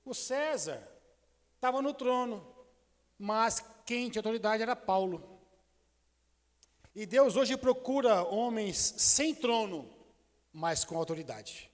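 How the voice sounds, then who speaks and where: A male pastor preaching a sermon, swinging between loud declarations and hushed, intimate asides. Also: sits high, animated, slow, long pauses, big-room sound. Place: church sanctuary.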